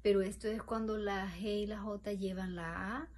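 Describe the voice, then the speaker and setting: A woman's voice: medium pitch, steady tone, normal speed, a little mellow. A woman giving a class presentation on spelling rules, explaining with fillers and restarts. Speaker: student presenter.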